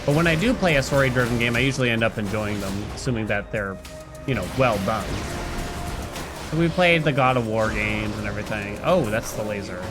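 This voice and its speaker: Over game music, a male streamer gives casual live commentary, thinking aloud, chatting with his viewers and reading snippets of on-screen text. His voice is mid-range and brisk.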